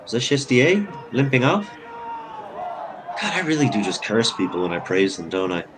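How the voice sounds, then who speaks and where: A man's voice: mid-range voice, sing-song, normal speed, background noise. A man giving live play-by-play commentary, chatty and analytical, with self-deprecating asides. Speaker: sports commentator.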